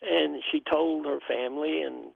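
A man from North Carolina with a Southern Appalachian twang and a gravelly, husky voice, calling in and casually telling stories over a phone line. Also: on the high side, steady tone, unhurried, no room sound. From North Carolina, United States. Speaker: phone-in caller. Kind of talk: casual storytelling.

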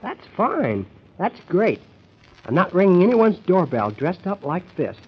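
An impatient, scheming husband in an old radio comedy, bossy and exasperated. His husky voice swings up and down as he cajoles and grumbles. The recording is dull and lo-fi. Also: sits high, sing-song, a little slow, exaggerated voice. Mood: impatient cajoling.

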